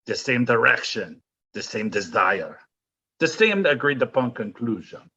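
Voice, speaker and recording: A villainous French nobleman for an audio play speaks in a sharp-edged, raspy mid-range voice, grandly theatrical and full of mocking relish, stretching out florid phrases. His exaggerated delivery is sing-song and taunting, and the recording sounds a little dull.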